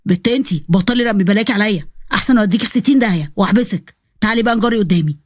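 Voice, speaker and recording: A woman's voice: medium pitch, rapid-fire, dry recording, studio quality, voice pushed down, close to an everyday voice. A woman voicing a short-tempered young male police officer with an Egyptian accent, who scolds bluntly. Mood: exasperated. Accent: Egyptian Arabic.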